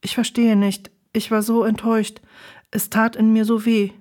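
A woman's voice: a little high, flat delivery, moderate pace, darkish tone, natural voice. A woman reading the part of a volatile, reproachful woman who presses her lover with repeated, insistent questions in a storybook. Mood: hurt.

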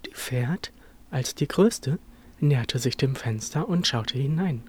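A narrator reading a fairy tale aloud in an expressive storytelling manner. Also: mid-range voice, slow, slightly rough.

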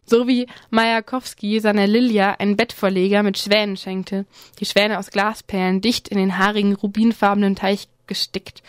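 A woman giving a measured, expressive literary reading of a novel excerpt in short phrases. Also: mid-range voice, no echo, clean studio sound.

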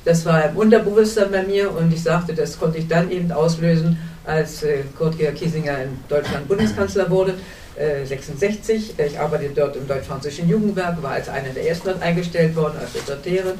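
A woman's voice: low voice, fairly quick, mellow, a little hiss or hum. A German woman in her seventies, a panel guest recounting memories in an earnest way, often restarting her sentences as she searches for words. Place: cinema hall. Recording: echoey hall, distant mic.

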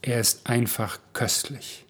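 A man reading the part of a lively, direct middle-aged woman baker. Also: mid-range voice, slow pace, slightly rough. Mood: emphatic. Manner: emphatic, animated.

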